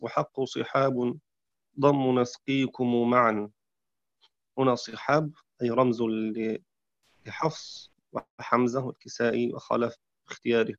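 A man teaching Quran recitation variants in a measured lecture, citing verses and clearing his throat now and then. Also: mid-range voice, no room sound, dull audio. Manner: measured explanatory delivery with chanted verse quotes.

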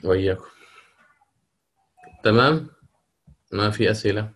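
A man teaching a class on Quran recitation, explaining readings step by step, pausing to check understanding and correcting his own slips. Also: on the low side, fairly bright tone, breathy edge. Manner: explanatory, often asks "okay?" and corrects himself. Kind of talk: online lesson with students.

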